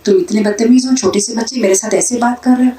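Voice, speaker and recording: A woman voicing an excited village woman who gossips eagerly with a neighbour, in a roomy hall. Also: on the high side, fast, a crowd in the background, lightly acted. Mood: gossipy. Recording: roomy hall sound from a distance.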